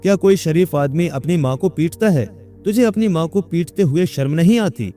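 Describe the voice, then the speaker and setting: A man's voice: fairly high pitch, mellow, soft background music, close to an everyday voice. A man voicing reproachful neighbors. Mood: scolding. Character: group of scolding neighbors.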